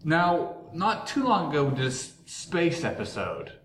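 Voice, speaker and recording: A man's voice: on the high side, big pitch swings, moderate pace, a bit bright. Podcast host, man, conversational and casual, heard in a big echoing lobby with light noise. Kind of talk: casual group podcast chat. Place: echoing science center lobby. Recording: echoey lobby, faint background noise.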